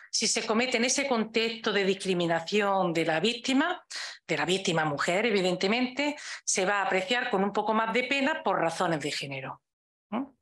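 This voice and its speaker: A woman's voice: medium pitch, fairly bright tone. A woman with a Spanish accent giving a conference talk on law, explaining points with frequent rhetorical questions. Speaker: legal expert speaker. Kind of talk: conference talk over video.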